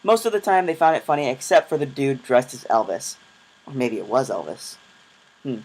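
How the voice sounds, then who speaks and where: A young man tells his travel story as a casual voice-over. He is chatty and self-deprecating, with quick jokey asides. His voice sits at an ordinary middle pitch. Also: sing-song, darkish tone, rough recording. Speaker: vlogger.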